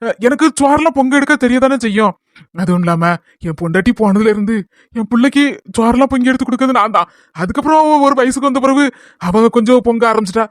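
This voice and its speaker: A man's voice: very high voice, no room sound, studio quality. A man voicing an elderly widowed village father who fusses fondly over his daughter and son-in-law in a family skit. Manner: fussy, doting, talks fast.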